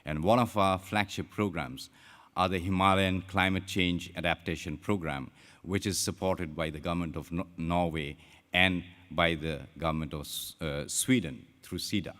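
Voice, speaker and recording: A man giving a formal conference presentation in a measured way, recorded in a conference hall. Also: sits low, fairly even intonation, a bit bright. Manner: measured, formal delivery with slips. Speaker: conference speaker. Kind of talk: plenary presentation. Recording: long hall reverb.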